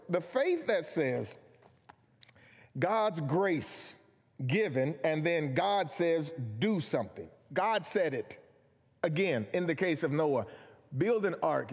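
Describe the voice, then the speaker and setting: Emphatic preacher man, high voice, reverberant hall. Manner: earnest, emphatic, asks and answers his own questions. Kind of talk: sermon.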